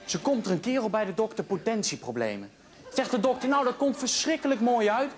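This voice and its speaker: A man telling jokes, acting out the characters with loud moaning and shouting. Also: high-pitched, lively intonation, brisk, loud music behind the voice. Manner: swings into loud moaning and shouted voices for the punchlines. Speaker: joke teller.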